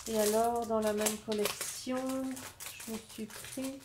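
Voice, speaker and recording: A woman showing off her scrapbooking purchases in a casual haul video, talking slowly and hesitantly with many fillers. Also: on the high side, steady tone, background noise.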